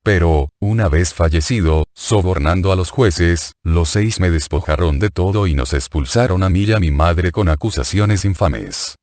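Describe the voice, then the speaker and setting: A man's voice: low-pitched, moderate pace, hardly any pauses, darkish tone, no echo, lightly acted. A man voicing a poor, sorrowful male beggar who confesses his past in a mournful tone.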